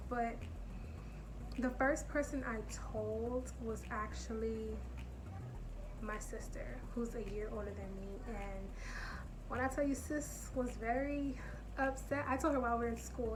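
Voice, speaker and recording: A woman's voice: a little high, noisy background. A woman in her twenties telling a personal story time for her channel, chatty and candid with rambling asides. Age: 20s. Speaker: vlogger.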